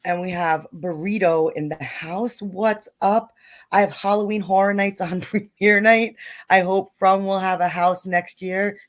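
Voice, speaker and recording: A woman with a New York accent hosts a casual live stream. She greets viewers one by one in an excitable, chatty way and laughs easily. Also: medium pitch, a little slow. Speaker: host.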